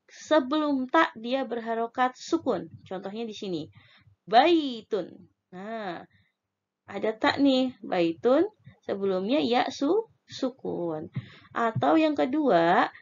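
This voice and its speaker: Slow, high-voiced Indonesian woman dictating. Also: dull audio. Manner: draws out example words syllable by syllable. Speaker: Arabic spelling and dictation teacher. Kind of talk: instructional lesson, slowly dictating example words.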